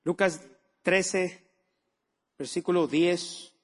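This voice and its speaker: High husky-voiced man preaching. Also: fairly even intonation, extremely slow. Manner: emphatic, asks the audience questions. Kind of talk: sermon.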